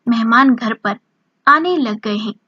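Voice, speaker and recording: A woman narrating a romance story in a slow, even reading voice, lightly voicing the dialogue. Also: a little high, breathy edge, no room sound. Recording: dull lo-fi dry recording.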